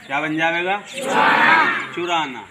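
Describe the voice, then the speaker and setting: A man's voice: on the high side, very noisy. A man teaching a class of children, asking questions, repeating answers and calling on pupils who drift off. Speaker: religious teacher.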